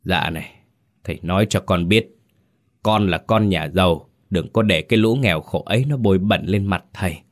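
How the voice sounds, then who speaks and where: A man's voice: on the low side, sing-song, a bit bright. A man doing a cold cruel old landlord. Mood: menacing. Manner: cold, slow, threatening.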